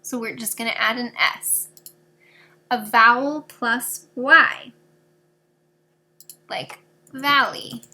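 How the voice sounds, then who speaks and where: A woman with a high, bright voice leads a recorded video lesson for fourth graders. She walks through each rule patiently, giving examples for every step. Her tone is clear and easy for children to follow. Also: slow, pauses often.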